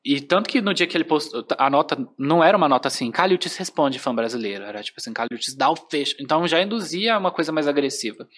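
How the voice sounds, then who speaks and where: Lively Brazilian man telling a story. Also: on the high side, quick pace, few pauses. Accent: Brazilian Portuguese. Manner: animated storyteller, heavy use of filler phrases. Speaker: podcast guest. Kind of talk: casual podcast chat.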